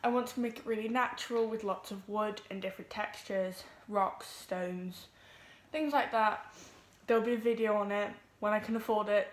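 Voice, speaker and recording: A teenage girl, introducing her vlog at home, nervous and quick, with lots of ums. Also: mid-range voice, reverberant. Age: teens. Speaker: vlogger. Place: home room with pets.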